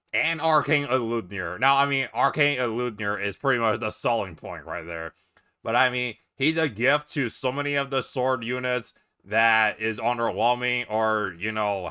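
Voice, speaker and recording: Bright-voiced man rambling casually. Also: medium pitch, clean tone. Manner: rambling, conversational. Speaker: guest contributor. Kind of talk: casual unscripted fan commentary.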